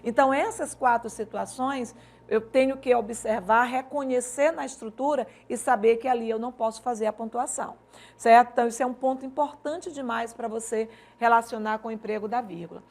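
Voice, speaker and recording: A woman's voice: on the high side, fairly quick, darkish tone. A woman teacher giving a Portuguese grammar lesson for an exam-prep course, explaining step by step and often checking in with "right?". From Maranhão, Brazil. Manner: explanatory, uses rhetorical questions and checks like "certo?".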